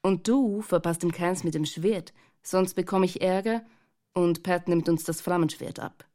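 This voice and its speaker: A woman voicing an easygoing adult man who gently scolds and teases children in a storybook reading. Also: on the low side, fairly even intonation, unhurried, close to an everyday voice. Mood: teasing.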